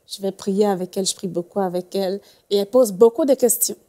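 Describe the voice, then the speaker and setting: Femme au timbre doux racontant avec ferveur. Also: female voice, mid-range voice, fast talker, dark tone. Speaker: guest. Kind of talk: faith talk show conversation.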